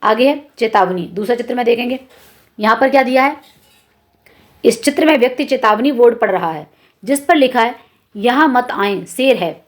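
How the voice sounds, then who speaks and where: A woman teaching a school lesson, patiently explaining exercises, slowing down to repeat examples and asking her students questions. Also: a little high, expressive. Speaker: Hindi teacher.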